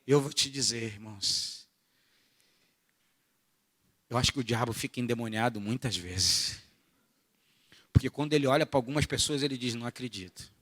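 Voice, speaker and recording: A man from Brazil with a Rio de Janeiro accent preaching a sermon at a church retreat, animated and jokey, moving from soft asides to shouted bursts. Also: mid-range voice, normal speed, long pauses. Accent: Rio de Janeiro Portuguese. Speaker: pastor.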